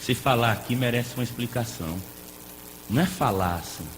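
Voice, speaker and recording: A man preaching a lively sermon as a pastor, playful and joking with the congregation. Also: medium pitch, brisk. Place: church hall. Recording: echoey hall with faint noise.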